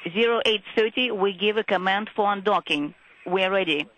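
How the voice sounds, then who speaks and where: A clipped, procedural voice comes through a crackly space-to-ground radio transmission, like a sci-fi communicator. Steady static hisses under every terse callout, and the pitch sits in an ordinary middle range. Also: highs cut off. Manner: terse, halting with fillers. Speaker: spacecraft crew member on radio. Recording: static-filled radio link.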